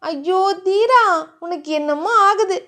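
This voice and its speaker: A woman's voice: very high-pitched, animated, slow, bright, forceful tone, pitched above the performer's own voice, exaggerated voice. A woman voicing an innocent, playful young heroine who talks shyly and giggles. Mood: shy, giggly.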